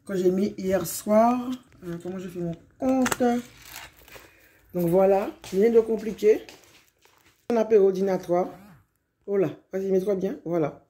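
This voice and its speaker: A hoarse, middle-aged woman from Guadeloupe chatting casually in a vlog, rambling and often wrapping up her points. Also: mid-range voice, measured pace, long pauses, mellow. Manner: chatty and rambling, often sums up with "donc voilà". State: hoarse from illness. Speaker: vlogger.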